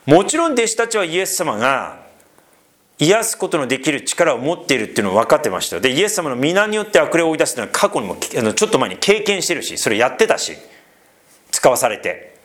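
A man preaching a sermon as pastor, conversational and animated, with frequent fillers and asides to the congregation. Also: on the high side, fast talker.

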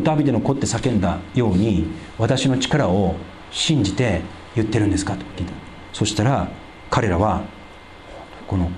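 A man preaching a sermon as a pastor, explaining scripture in a conversational way and dropping into a lower voice for asides. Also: echoey room, a little hiss or hum. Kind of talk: sermon, Bible exposition.

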